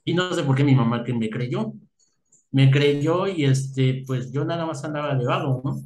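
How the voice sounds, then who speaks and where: A man's voice: fairly high pitch, normal speed, darkish tone. Hesitant man in an echoey room. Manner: hesitant, many filler words. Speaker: guest giving a testimony. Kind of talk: personal testimony in an interview. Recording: echoey room with faint noise.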